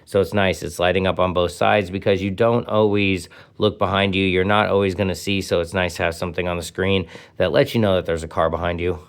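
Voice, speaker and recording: Here a man hosts a hands-on gadget review, enthusiastic and casual, tossing out slang and punchy interjections. His voice is low and fairly quick, with little movement in pitch.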